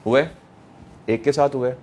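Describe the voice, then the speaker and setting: A middle-aged motivational lecturer with a Pakistani accent speaks to young people at a middle male pitch, steady, moderately paced and a little mellow. He hammers points home by repeating himself and asking rhetorical questions, often switching into English phrases.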